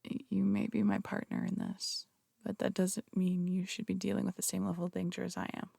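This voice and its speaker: Playing a flirtatious phantom thief in an audio roleplay, a woman teases and reassures her listener in theatrical, polished phrasing broken by small, hesitant stammers. Her voice is very creaky, dry, close and mellow, medium in pitch with little pitch movement, and she speaks fairly quickly. The recording is dry.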